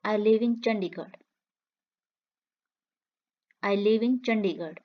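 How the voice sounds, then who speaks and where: In a muffled recording, a woman with a mid-range voice, an English teacher, reads phrases for learners at a slow pace. She repeats every line twice, clearly and with measured delivery.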